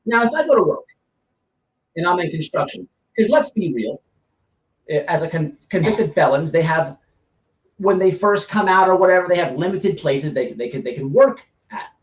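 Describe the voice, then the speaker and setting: A man with a high, expressive voice talks at a moderate pace as an online streamer, bluntly and casually sharing opinions. He's emphatic, repeats phrases, and uses examples; the audio is roomy and distant with faint noise.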